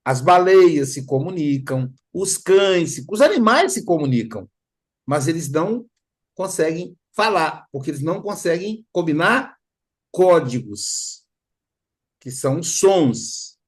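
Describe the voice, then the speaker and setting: A man leading a spiritist study group, talking in a lively way, acting out little dialogues and often adding tag questions. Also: on the high side, takes it slowly, breathy edge. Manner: animated, acts out dialogues, frequent tag questions.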